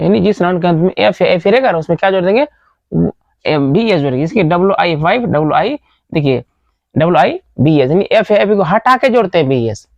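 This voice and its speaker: Man teaching a grammar lesson, gravelly voice, repeats and spells out words, asks and answers his own questions, dull dry lo-fi sound. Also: high-pitched, no room sound. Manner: repetitive, spells words letter by letter; asks the class questions, then answers them.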